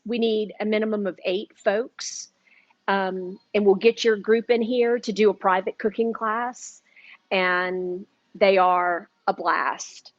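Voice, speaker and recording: A woman's voice: mid-range voice, dry recording, highs cut off. A woman hosting a live cooking demonstration in a shop kitchen, chatty and eating while she talks. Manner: chatty, eats and talks at once. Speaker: cooking class host. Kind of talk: casual live cooking demo.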